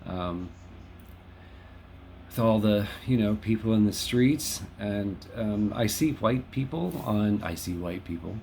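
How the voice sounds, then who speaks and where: Slow and creaky, his lowish voice has a darkish tone, and a little hiss or hum runs under it. The host, a fifty-something from Los Angeles, delivers a casual to-camera monologue at his West Hollywood home, chatty and wry with plenty of self-deprecation.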